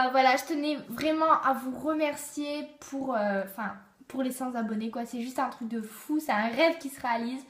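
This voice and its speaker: Young female beauty vlogger, high-pitched, hesitant delivery, roomy echo. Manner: hesitant, many fillers and restarts. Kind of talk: casual talk to camera. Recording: echoey room.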